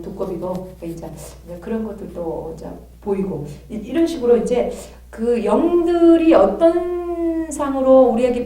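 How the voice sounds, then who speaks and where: Chatty woman theology lecturer, higher mellow voice, far from the mic in an echoey room. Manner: chatty, conversational, checks in with listeners. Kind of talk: classroom lecture. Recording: roomy, from a distance.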